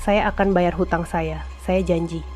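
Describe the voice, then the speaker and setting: A woman's voice: on the low side, fairly even intonation, measured pace, darkish tone, soft background music, lightly acted. A woman voicing a desperate male villager pleading through a letter in a horror story.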